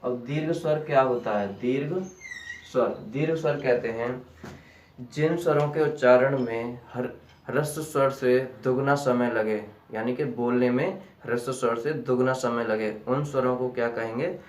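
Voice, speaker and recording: Slow echoey male grammar teacher. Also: mid-range voice, a little hiss or hum. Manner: repeats key terms as questions to students; slow and deliberate. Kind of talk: classroom grammar lesson. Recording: echoey room, voice from a distance.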